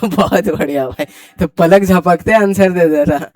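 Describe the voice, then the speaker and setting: Brisk high-voiced male classroom teacher. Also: a little mellow, dry recording. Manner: brisk, quizzing students and urging them to hurry. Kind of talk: classroom grammar lecture.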